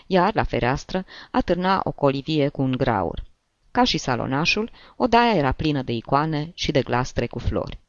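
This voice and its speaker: A man narrating an audiobook story with expressive storytelling. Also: medium pitch, no room sound, highs cut off. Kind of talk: audiobook reading.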